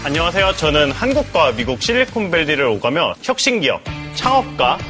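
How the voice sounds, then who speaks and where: Lively young man with a wide-ranging voice. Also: on the high side, brisk, loud music behind the voice. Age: 30s. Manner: lively, laughs easily. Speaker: startup founder, guest lecturer. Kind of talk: studio talk show chat.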